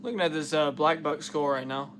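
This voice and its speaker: A man hosting a casual outdoors livestream, talking excitedly and rambling with many fillers while he has the hiccups. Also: fairly high pitch, brisk, slight background noise. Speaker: outdoors channel host.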